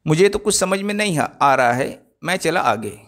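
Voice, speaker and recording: A man with a fairly high voice narrates a travel vlog as a voice-over. He explains routes and sights in a friendly, direct way, addressing his viewers. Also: animated, moderate pace, a bit bright. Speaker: travel vlogger.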